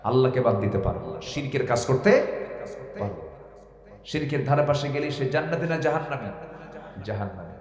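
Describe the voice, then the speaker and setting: A man delivering a fiery waz sermon in a hall with long, booming reverb. He lists his points one by one and calls on the crowd to answer back. His voice sits at a middle pitch and swings from low murmurs up to full shouts, with verses chanted in between. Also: lively intonation, brisk, pauses often. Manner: call-and-response, numbered points, chanted Quran recitation, sudden shouts. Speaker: preacher.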